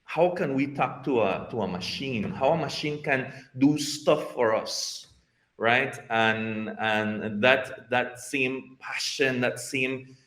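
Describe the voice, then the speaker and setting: A man's voice: mid-range voice, takes it slowly, fairly bright tone. A man from Costa Rica with a Costa Rican Spanish accent, a guest answering interview questions in a hesitant way, often restarting and repeating words. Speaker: guest, IT program head. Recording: roomy, echoey sound.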